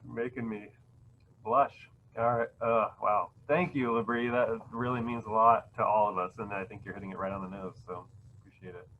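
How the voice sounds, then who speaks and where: Male host on tinny, phone-like audio. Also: lowish voice. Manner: relaxed, halting, many fillers. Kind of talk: hosting a virtual reception. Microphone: video call. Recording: tinny phone-like call audio, faint noise.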